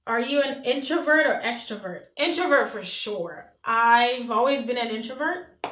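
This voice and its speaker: A woman's voice: on the high side, animated, moderate pace, slight background noise. Chatty woman from Nigeria, echoey room. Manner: chatty, warm-hearted asides, reads questions off her phone. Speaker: beauty vlogger. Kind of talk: casual Q&A to camera. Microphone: camera mic, reading from phone.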